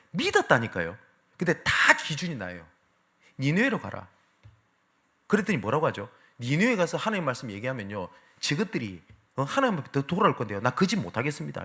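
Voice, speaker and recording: A man's voice: medium pitch, a bit bright. A male pastor preaching a sermon in a church, often asking the congregation questions. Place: church sanctuary.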